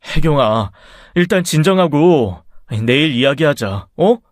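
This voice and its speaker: A man's voice: a little high, sing-song, a little slow, dry recording, clean studio sound. A man doing a flustered pleading husband. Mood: placating. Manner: pleading, placating.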